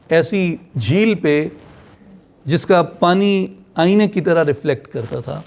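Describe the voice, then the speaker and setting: A man from Punjab giving a lecture and telling a story, mixing English phrases into his speech. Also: a little high.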